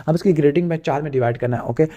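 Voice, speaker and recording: A man from Pakistan giving an exam revision lecture, asking himself questions and ticking off points with "clear" as he rattles through lists. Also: on the high side, rapid-fire, mellow. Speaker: medical exam tutor.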